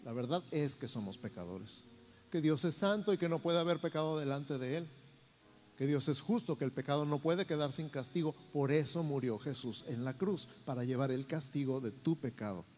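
A man's voice: on the high side, moderate pace, a little mellow. A male Mexican pastor preaching a sermon and leading a fervent repeat-after-me prayer. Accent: Mexican Spanish. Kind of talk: sermon with altar call prayer. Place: church sanctuary. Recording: long church reverb with music.

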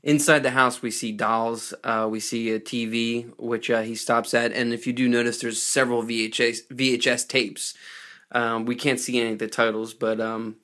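A man hosting a casual podcast, rambling and animated as he recaps a TV episode. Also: mid-range voice. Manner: rambling, animated, does quick impressions of characters. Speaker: podcast host.

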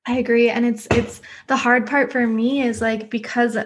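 A woman's voice: on the high side, little pitch movement, normal speed. A woman hosting a podcast, talking casually, chatty, with frequent laughs and lots of filler words. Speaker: podcast host. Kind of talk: casual conversation.

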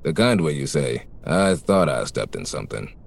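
An actor playing a wisecracking, world-weary private detective, deadpan, in a parody noir audio drama. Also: male voice, rumbling low, moderate pace, vocal fry, slight background noise, exaggerated voice. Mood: wry. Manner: deadpan, hard-boiled wisecracking. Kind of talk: parody noir narration and radio drama acting.

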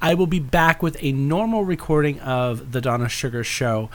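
A man's voice: mid-range voice, normal speed. Campy man hosting a casual podcast. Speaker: podcast host.

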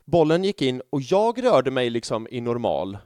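A man in his thirties chatting casually on a fan podcast, telling stories in an animated way with plenty of swearing. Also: medium pitch, clear, resonant tone, no echo, clean studio sound. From Sweden. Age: 30s. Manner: animated storytelling with lots of swearing and fillers. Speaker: podcast co-host.

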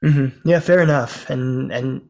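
A man's voice: mid-range voice, unhurried, vocal fry, a little mellow. A man from the American South, a rabbi himself, interviewing a guest in a conversational way and asking open questions. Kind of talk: casual interview.

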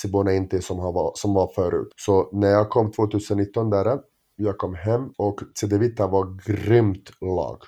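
Middle-aged guy, chatty storyteller, lots of restarts and acted-out quotes. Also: on the low side. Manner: animated anecdotes with frequent restarts and "jag bara" quoting. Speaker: interview guest, former basketball player. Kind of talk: casual storytelling.

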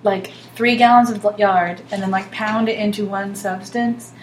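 A young woman chats casually on a podcast as co-host or guest, rambling in an offbeat, dryly joking way. Her medium-pitched voice stays fairly even and unhurried, and the recording carries a roomy echo with faint background noise.

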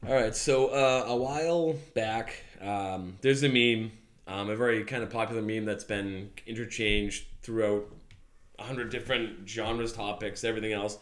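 A man's voice: lowish voice, steady tone, normal speed. Hesitant man introducing a podcast topic. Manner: hesitant, many "um"s and restarts while laying out a topic. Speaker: podcast co-host. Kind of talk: casual podcast chat. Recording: roomy echo.

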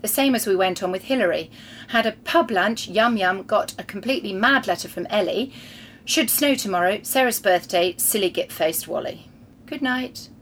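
A woman's voice: medium pitch, normal speed, slight background noise. Wry woman reading her old diary. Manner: wry, reads diary entries aloud with dry asides. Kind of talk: casual podcast chat.

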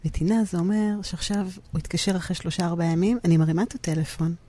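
A middle-aged woman, a guest on a podcast conversation, explaining ideas about forgiveness and decisions by acting out everyday examples in an animated way. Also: on the low side. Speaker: guest speaker on decision-making.

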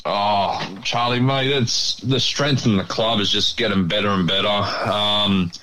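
A man's voice: on the low side, fairly even intonation, measured pace, bright, forceful tone, slight background noise, rough recording. An Australian man chatting casually as a radio guest in a rambling, blokey way. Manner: blokey, rambling, peppered with "mate". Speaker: radio interview guest, pigeon club member. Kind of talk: casual chat.

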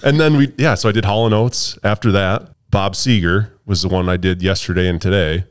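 A man's voice: low voice, brisk, smooth. A man hosting a casual podcast in a studio, joking around and laughing often. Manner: playful and jokey, laughs often. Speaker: podcast host.

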